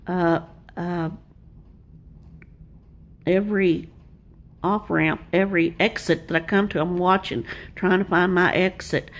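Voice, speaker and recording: An older woman, giving a homespun devotional sermon and telling personal stories in an earnest way. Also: lowish voice. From Arkansas, US. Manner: earnest, homespun storytelling with repeated refrains. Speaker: Bible teacher.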